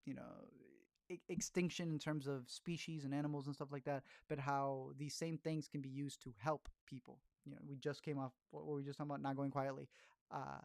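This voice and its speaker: A man's voice: mid-range voice, little pitch movement, a little fast, creaky, darkish tone, dry recording, clean studio sound. A man casually chatting through film reviews as a podcast host, rambling along with fillers and restarts.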